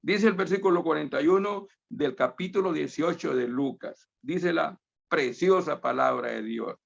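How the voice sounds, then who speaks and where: A man's voice: fairly high pitch, normal speed, creaky. A man from Honduras preaching a sermon over a video call, emphatic and repetitive, often addressing his listeners as brothers. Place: home, on a virtual meeting. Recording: dull lo-fi video call audio.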